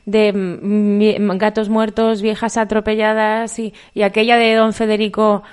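A woman in her forties with a Castilian Spanish accent, telling anecdotes in casual, colloquial and expressive chat. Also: medium pitch, unhurried, clean tone. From Spain. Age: 40s. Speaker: co-host.

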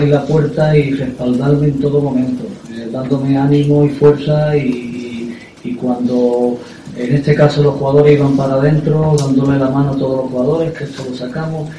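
A man, a football coach, answering at a press conference in a halting way, often repeating words and filling pauses with "eh". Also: mid-range voice, warm tone, a little hiss or hum. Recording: echoey room, distant mic.

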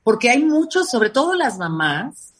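Animated husky Mexican woman. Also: on the high side, measured pace. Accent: Mexican Spanish. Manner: animated, acts out quoted parents in lively voices. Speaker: guest expert on family and parenting. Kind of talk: conversational interview.

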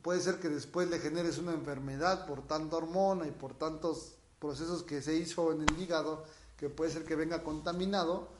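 A Mexican man with a raspy, boozy-sounding voice, chatting informally as he explains things and answers viewers' questions. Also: on the high side, fairly even intonation, moderate pace, a little hiss or hum. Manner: informal, explanatory, frequently checking with the listener. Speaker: dog trainer hosting a question-and-answer livestream. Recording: echoey room.

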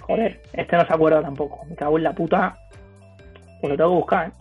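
A fairly high-pitched man with a Spanish accent comes through a thin, phone-like line with music behind. His chat is casual, blunt and peppered with swearing. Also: fairly even intonation, fast, breathy edge. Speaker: podcast co-host.

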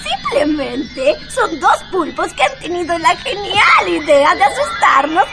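A woman's voice: very high voice, big pitch swings, a little slow, heavily acted. A woman playing Luciérnaga, a fussy alien. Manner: fussy exclamations. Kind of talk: radio drama acting. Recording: clear music behind.

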